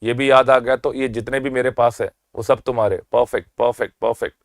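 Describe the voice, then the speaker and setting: With an Indian accent and steady mid-range pitch, a lively medical exam lecturer races through revision, teasing listeners with questions he then answers himself and stretching key terms out for weight. His audio is close-miked and dry, without any echo or room sound.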